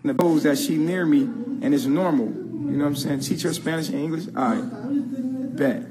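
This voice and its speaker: A man's voice: fairly high pitch, lively intonation, moderate pace, a loud crowd, low-quality recording. A man talking loosely and casually on a livestream, in slangy everyday speech. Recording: played-back clip with noise.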